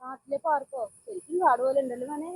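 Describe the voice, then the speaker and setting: A woman's voice: high voice, expressive, fast talker, a little hiss or hum. A woman reassuring and coaxing her small son as they walk through a wooded park. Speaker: parent talking to her young son.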